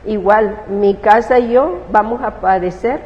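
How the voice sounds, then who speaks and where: In an interview, a woman pastor with a Salvadoran accent shares her testimony at a measured pace, her medium-pitched voice having a darkish tone. She speaks with feeling and acts out her own past words as she tells the story. The audio sounds roomy and dull, with a faint hiss.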